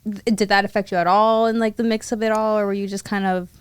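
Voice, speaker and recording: A woman's voice: medium pitch, flat delivery, fast, clean tone, no room sound. A woman hosting a podcast, bubbly and friendly, interviewing a guest. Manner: bubbly, friendly, laughs a lot. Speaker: podcast host. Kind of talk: casual interview chat.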